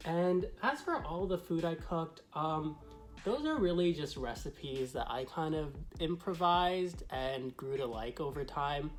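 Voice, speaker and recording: A man's voice: fairly high pitch, lively intonation, unhurried, soft background music. A man who is a drag queen vlogger, talking through a tutorial to camera in a chatty, meandering, explanatory way. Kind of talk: casual tutorial talk to camera.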